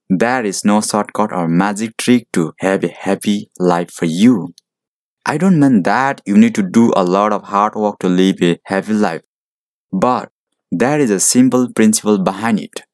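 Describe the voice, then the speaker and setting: A man narrating a moral story in a slow, deliberate, explaining way. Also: lowish voice, darkish tone, no echo, studio quality.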